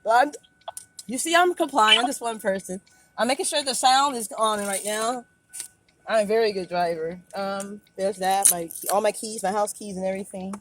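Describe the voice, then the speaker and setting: Speaking from inside her car into a phone, a woman records a police stop, anxious and rambling, stammering and deferentially repeating herself. Her voice is medium-pitched and a bit bright, at a normal speed, with a little hiss or hum on the recording.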